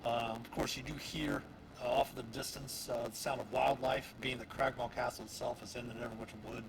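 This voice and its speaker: A man narrating as dungeon master of a tabletop game, halting with many fillers. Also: medium pitch, steady tone, vocal fry. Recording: noisy stream audio.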